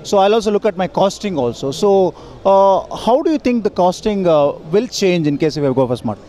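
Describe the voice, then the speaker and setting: A man, interviewing at an expo hall with halting, filler-heavy questions. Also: high voice, expressive, mellow. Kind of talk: trade show interview. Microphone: handheld mic.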